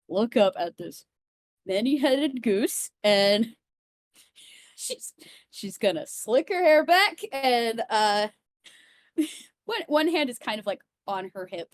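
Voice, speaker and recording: A bubbly woman at a tabletop game, laughing often as she talks. Her voice is high and very lively, recorded dry and close. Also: no echo. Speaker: player. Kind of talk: casual tabletop game play.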